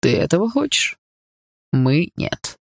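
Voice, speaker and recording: A woman's voice: low-pitched, big pitch swings, slow, gravelly, full character voice. A woman voicing a stern male bodyguard who speaks curtly and with threat, in a storybook reading. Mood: threatening. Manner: curt, threatening.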